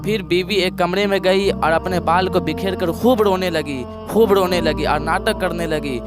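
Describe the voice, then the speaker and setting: A man's voice: sits high, normal speed. A man preaching a sermon, retelling a moral story in plain words and repeating phrases for emphasis. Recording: background music under the voice. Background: music.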